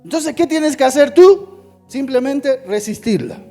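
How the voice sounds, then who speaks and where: A man preaching with fervor, swinging between shouts and calls for the congregation's response. His voice sits unusually high for a man, and faint music plays beneath the sermon. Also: animated, measured pace. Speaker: pastor. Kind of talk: fervent sermon.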